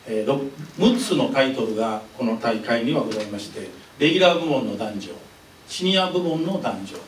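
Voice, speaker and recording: A man's voice: mid-range voice, a little hiss or hum. An older man heading a professional sports association, speaking very politely and formally at a press conference, hesitating with fillers. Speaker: professional bowling association head. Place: indoor press conference room. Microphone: desk microphone. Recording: roomy, mic a bit distant.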